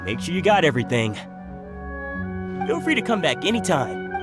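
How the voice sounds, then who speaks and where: A confident, kindly food seller in an anime game. He sounds easygoing, with a slightly high, animated voice. Music is clearly audible behind him. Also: moderate pace. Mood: generous, easygoing. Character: friendly, generous, confident food vendor and baker. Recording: background music under the voice.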